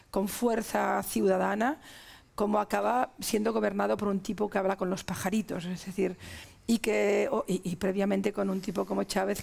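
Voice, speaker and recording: A woman's voice: medium pitch, gravelly, darkish tone. A middle-aged woman from Spain with a Spanish accent, a guest in a TV interview, talking emphatically in long chains of ideas.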